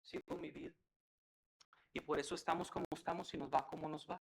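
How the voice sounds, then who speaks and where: Gravelly high-voiced preacher. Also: male voice, steady tone, fairly quick, poor audio. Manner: preaching, addresses congregation as brothers, rises to loud fervent exhortation. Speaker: pastor. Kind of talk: sermon.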